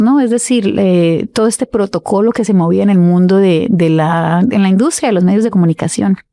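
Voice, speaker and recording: A woman from Colombia, a podcast guest telling stories from her life in an animated way and acting out the voices in them. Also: mid-range voice, no echo. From Colombia, Cúcuta. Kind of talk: casual storytelling interview.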